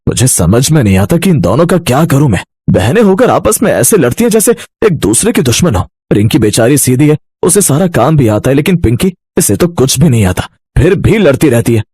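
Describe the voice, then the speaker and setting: A man's voice: mid-range voice, sing-song, fairly quick, hardly any pauses, darkish tone, breathy edge. A man playing a stern young husband and elder brother who scolds his quarrelling sisters. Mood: weary. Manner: commanding, exasperated.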